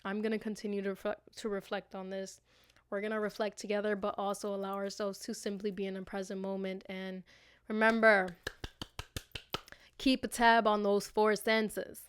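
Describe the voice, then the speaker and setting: Speaking at normal speed in a mid-range, clear and resonant voice with little pitch movement, a woman hosts a casual motivational podcast. Her self-reflective monologue is informal and affectionate, aimed directly at listeners, with slang and free swearing.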